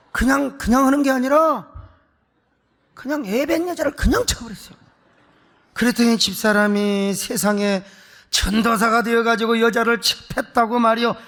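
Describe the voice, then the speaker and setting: High-pitched pastor preaching in a reverberant hall. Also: male voice. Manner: storytelling with acted-out voices and shouts. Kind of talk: sermon. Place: large church sanctuary.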